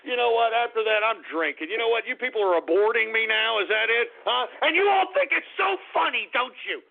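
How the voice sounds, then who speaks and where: A man's voice sped up into a shrill chipmunk pitch, with a gravelly, raspy grain underneath. He rants and swears at his listeners. The sound is thin and tinny, like a phone line on the radio. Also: expressive, fairly quick. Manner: swearing, exasperated ranting. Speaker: radio host. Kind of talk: ranting radio talk.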